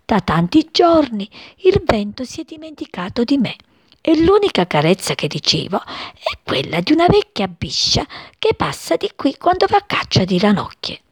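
A woman voicing a shy, lonely little daisy flower who speaks softly and timidly. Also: sing-song, moderate pace, slightly rough, no room sound. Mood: wistful. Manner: soft, timid and high.

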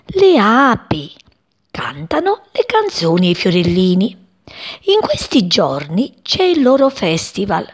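A woman's voice: on the high side, wildly swooping pitch, measured pace, hardly any pauses, breathy edge, voice pushed up, heavily acted. A woman voicing a mother sparrow who speaks kindly but firmly to her chicks. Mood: gentle. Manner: kind but firm. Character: gentle, commanding mother sparrow.

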